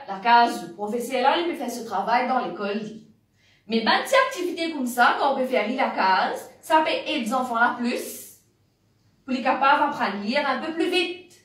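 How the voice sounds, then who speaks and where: A woman teacher, slowly spelling out letters and syllables in a reading lesson for parents. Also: high-pitched, expressive. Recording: roomy, distant mic.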